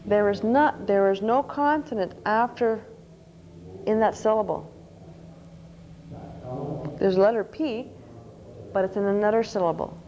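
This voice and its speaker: A woman's voice: mid-range voice, a little slow, long pauses, warm tone, a little hiss or hum, rough recording. A woman presenting a conference workshop on teaching reading, explaining step by step and spelling out letters. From Canada. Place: conference session room. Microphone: microphone.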